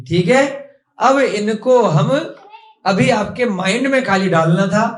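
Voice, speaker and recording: A man's voice: high voice, echoey room. A young man teaching a classroom lesson, patiently asking the class questions.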